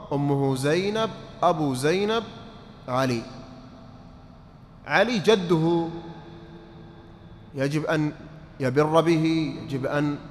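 A man teaching a mosque lesson on inheritance law, quizzing his students, repeating points and checking that they follow. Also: fairly high pitch. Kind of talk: mosque study-circle lesson. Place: large mosque hall. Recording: reverberant mosque hall, faint noise.

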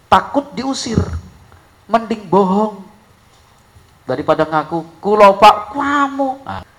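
A man preaching a sermon, telling stories with lively shifts of voice and acting out an angry father. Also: low-quality recording. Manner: animated storytelling, acting out an angry father in high shouts.

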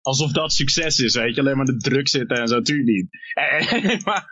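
A man's voice: medium pitch, lively intonation, normal speed, pushed and bright, no room sound, dull audio. A man being interviewed as a rapper guest, chatting casually and loosely with lots of fillers. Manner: easygoing, loose, with frequent fillers.

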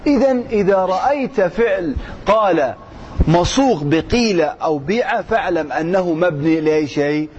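A man teaching grammar, reading a text slowly and then explaining it while quizzing his listeners. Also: sits high, expressive, a little mellow. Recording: dull lo-fi sound with faint noise.

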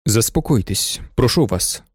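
A man voicing a reserved middle-aged merchant who speaks in a measured, curt, reassuring way in a storybook reading. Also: on the low side, animated, slightly rough, dry recording, studio quality. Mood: calm. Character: calm, reserved male merchant of middle age.

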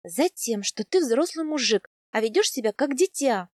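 A woman plays a spirited young wife in a storybook, her voice lifted, bright and quick to flare up. She coaxes sweetly, then snaps back, and the sound stays dry and close. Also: fairly high pitch, expressive, no room sound, natural voice. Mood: pleading.

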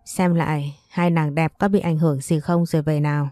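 A woman's voice: low-pitched, fairly even intonation, normal speed, mellow, no room sound, soft background music, natural voice. A woman voicing an easygoing, talkative young man with a friendly, breezy manner.

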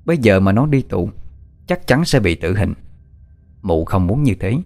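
Male horror-story narrator, slow and measured delivery, low voice, faint music under him. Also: lively intonation, a little mellow.

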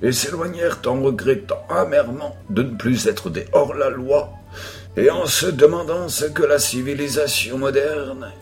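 A man reading an audiobook aloud in a deliberate, expressive manner. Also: medium pitch, faint music behind. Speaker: audiobook reader. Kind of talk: audiobook narration.

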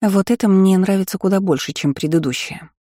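A man reading an audiobook voices a young woman friend who speaks in a brisk, encouraging way. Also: sits high, mellow, no echo, clean studio sound, voice pushed up.

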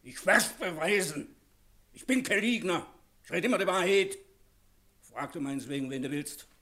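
An actor playing a blunt, stubborn horse dealer who scolds insistently, in a 1960s radio play. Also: male voice, sits high, normal speed, a bit bright. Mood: reproachful. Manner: reproachful, insistent.

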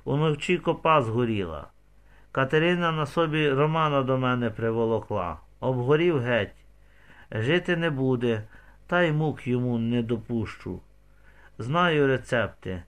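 A man reading the lines of an old village healer woman, who gives brisk, matter-of-fact instructions in an audiobook. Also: medium pitch, animated, lightly acted. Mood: firm.

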